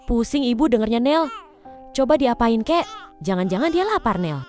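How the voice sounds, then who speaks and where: A domineering older mother-in-law from a cartoon drama. She lectures and scolds in a fairly high, insistent voice and treats every complaint as ingratitude. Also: very animated, normal speed, darkish tone, soft background music. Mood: scolding. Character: bossy traditional older mother-in-law, nagging.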